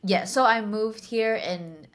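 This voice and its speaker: A woman's voice: mid-range voice, slow pace. A young woman in her twenties from Taiwan, answering interview questions in a chatty, casual way with many fillers. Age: 20s. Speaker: guest, DJ and producer.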